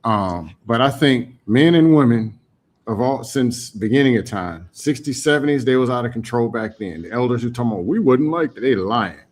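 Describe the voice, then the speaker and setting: A man's voice: medium pitch, animated, moderate pace. Man, podcast host, mid voice, challenging, asks pointed questions. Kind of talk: heated debate.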